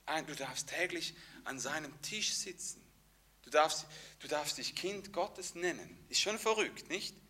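A man preaching a sermon, telling the story vividly, moving between hushed and emphatic passages. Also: fairly high pitch, lively intonation, measured pace.

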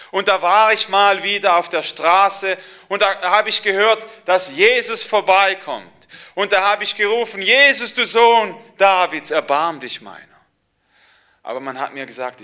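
A man's voice: high voice, voice pushed up. A man telling as an old blind beggar. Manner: earnest, crying out loud then whispering.

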